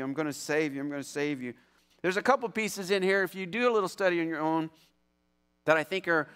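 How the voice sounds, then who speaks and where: A man preaching a sermon as pastor, animated, swinging from loud emphasis to hushed tones and acting out voices from scripture. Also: fairly high pitch. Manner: acts out biblical voices mid-sermon.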